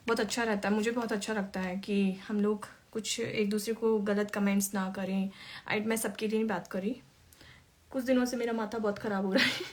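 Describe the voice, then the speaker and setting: A woman makeup artist chatting through a live makeup class, answering viewers by name as she works. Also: fairly high pitch. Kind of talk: casual live-stream makeup tutorial.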